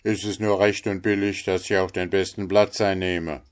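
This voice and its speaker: A man's voice: sits low, little pitch movement, normal speed, lightly acted. A man voicing a selfish, pompous miller in a storybook reading, self-pitying in tone.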